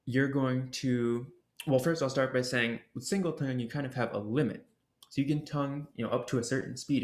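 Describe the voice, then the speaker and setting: A man presenting an ocarina workshop, explaining technique in a relaxed way and sounding out the syllables as he goes. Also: mid-range voice. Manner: casual, explains with demonstration syllables and fillers. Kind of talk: instructional explanation. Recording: roomy echo.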